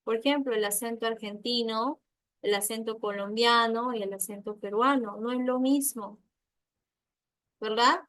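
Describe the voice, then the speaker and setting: A woman from Peru with a Peruvian accent teaching an online class, explaining step by step and often checking with quick tag questions. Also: fairly high pitch, fairly even intonation, a bit bright, no echo. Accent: Peruvian Spanish.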